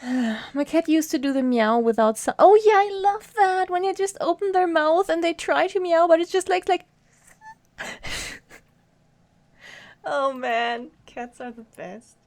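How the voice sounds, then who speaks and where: A woman's voice: high voice, moderate pace, a little mellow. A woman streaming a video game, chatting casually with viewers, giggling often and talking to her cat. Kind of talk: casual live-stream chat while gaming.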